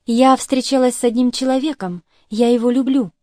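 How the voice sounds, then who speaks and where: A woman's voice: fairly high pitch, normal speed, dry recording, studio quality, close to an everyday voice. A woman reading the lines of a cold, reserved young noblewoman in an audiobook. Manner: restrained, quietly defiant.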